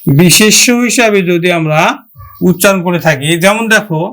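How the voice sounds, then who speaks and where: A man with a high-pitched, slightly bright voice teaches an exam-prep grammar lesson at a moderate pace. He poses rhetorical questions to his students and sounds out words one syllable at a time.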